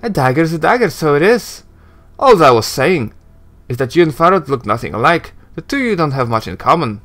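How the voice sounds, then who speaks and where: A man voicing a sharp-tongued young tiefling woman in a game, mocking and teasing as he reads her lines. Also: on the high side, very animated, brisk, pitched above the performer's own voice. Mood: sarcastic.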